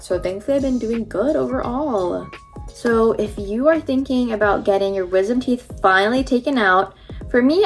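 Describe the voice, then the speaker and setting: A young woman with a slight lisp from a numb mouth after wisdom teeth surgery, chatting informally in a casual personal vlog. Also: mid-range voice.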